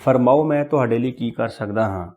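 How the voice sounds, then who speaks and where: A man's voice: mid-range voice, a little fast, warm tone, lo-fi sound, natural voice. A man doing a courteous, tipsy older clerk. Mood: polite. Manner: courteous, businesslike. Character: polite older bald male office clerk, tipsy.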